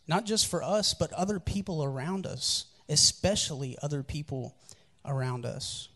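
A man preaching a sermon as pastor, telling candid personal stories in a conversational, earnest way. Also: a little high.

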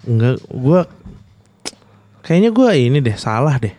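A man's voice: medium pitch, sing-song, measured pace, mellow, no echo. A man with a Jakarta accent who co-hosts a show, chatting in casual Jakarta slang with some swearing. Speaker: host of a talk and call-in show. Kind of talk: casual bantering chat.

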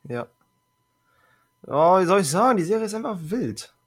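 A man's voice: sits high, very animated, moderate pace, a crowd in the background. Laid-back man laughing along in a chat. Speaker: podcast co-host. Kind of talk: casual chat.

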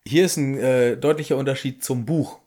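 A man co-hosting a casual chat at a middle pitch. He goes through details methodically, point by point. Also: moderate pace, darkish tone. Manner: detail-minded, comparing film with book. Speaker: podcast co-host.

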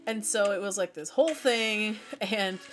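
A woman co-hosting a podcast, telling a travel story in casual, animated chat. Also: medium pitch, normal speed, over music. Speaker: podcast co-host.

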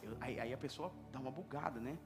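A male pastor preaching an animated sermon, repeating words for emphasis and acting out little dialogues. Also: mid-range voice, quick pace, music in the background. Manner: animated, repetitive, acts out dialogues.

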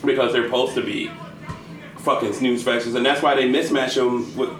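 A man's voice: medium pitch, little pitch movement, moderate pace, soft background music. A middle-aged man from the Chicago area co-hosting a casual podcast chat, ranting and swearing, laughing often. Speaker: podcast co-host. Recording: echoey room, mic a bit far, faint noise.

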